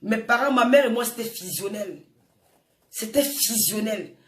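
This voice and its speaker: In a measured, slightly high voice, a Francophone African-accented woman in her forties speaks to viewers as a social media personality. She scolds with emphasis in an impassioned, informal monologue, repeating phrases for effect; the room echoes and the mic sits far off.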